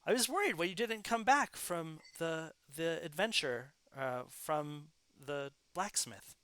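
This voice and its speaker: A man voicing a friendly halfling innkeeper who speaks in eager, halting bursts. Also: on the high side, lively intonation, fairly bright tone, clean tone, pitched above the performer's own voice. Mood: relieved.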